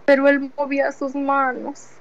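A woman tells her personal faith testimony in a slightly high voice, full of feeling. She retells each conversation step by step, quoting what was said to her. The sound is somewhat dull and lo-fi. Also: monotone, a little slow. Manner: retells events with many quoted conversations, repeating "he told me"; earnest and emotional. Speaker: testimony giver.

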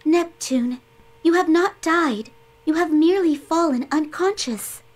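A woman voicing a gentle, formal tome spirit in a video game, polite and measured like a heavenly goddess. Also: sits high, poor audio. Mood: calm, polite. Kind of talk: English video game voice acting.

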